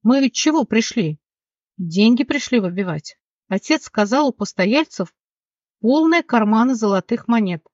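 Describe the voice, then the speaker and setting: An audiobook narrator voicing a crazed young farmhand who speaks with slow, mocking, playful menace, on a dull, dry recording. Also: mid-range voice, lively intonation, no room sound, close to an everyday voice. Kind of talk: audiobook character voice.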